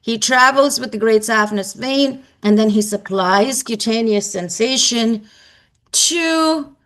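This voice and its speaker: A woman giving a live anatomy lecture, brisk and emphatic, quizzing her students as she goes. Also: on the high side, fairly bright tone.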